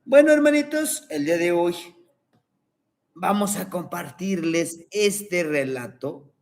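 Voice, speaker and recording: A man tells a traditional tale in a folksy storytelling manner. His voice sits fairly high, and he speaks slowly and deliberately. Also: lively intonation, vocal fry. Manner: warm, folksy and unhurried. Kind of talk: oral storytelling.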